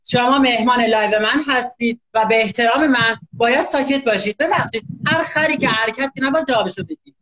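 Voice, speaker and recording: A woman hosting a live stream who tries to quiet her arguing guests. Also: medium pitch, few pauses, poor audio. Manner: exasperated, repeatedly demanding silence. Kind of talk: heated live-stream argument.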